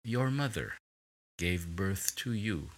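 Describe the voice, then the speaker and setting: A man leading a guided relaxation meditation in a slow, soothing way, with long pauses between words. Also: low voice, animated.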